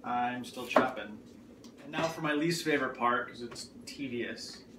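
A man's voice: medium pitch, measured pace. Joking man in an echoey kitchen. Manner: joking, playful. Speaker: show host. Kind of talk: casual cooking show banter. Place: home kitchen, indoors. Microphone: camera across the room. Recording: echoey kitchen from far off, noisy.

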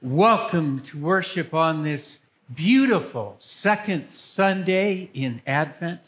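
An older man speaking as a pastor, reading liturgy to a congregation in a church with measured, solemn phrasing. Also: a little high, lively intonation, fairly bright tone. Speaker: pastor leading worship.

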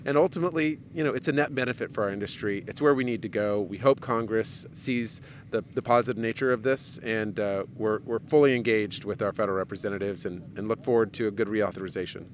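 A man, a trade association president giving measured interview answers outdoors into a handheld mic, with frequent fillers. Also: on the low side, slight background noise. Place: outdoors on a lawn. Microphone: handheld mic held by interviewer.

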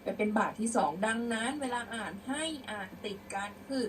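A woman's voice: a little high, fairly quick, far from the mic, a little hiss or hum, low-quality recording. A young adult woman teacher giving an online lesson, reading verse aloud and patiently explaining pronunciation word by word. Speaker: schoolteacher.

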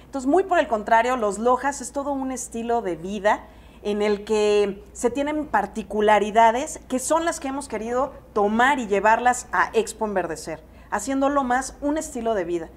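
A woman's voice: fairly high pitch, normal speed. A woman in her thirties with a Mexican Spanish accent, an environmental specialist giving an explanatory interview answer on a lapel mic. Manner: explanatory, steady, with some restarts. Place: seated in an expo lounge area.

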